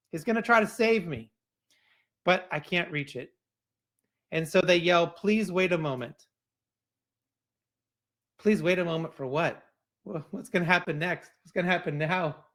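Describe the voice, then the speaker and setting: A man giving a keynote talk to an audience, telling a personal story in a lively way with some fillers and restarts. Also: on the high side. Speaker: keynote speaker.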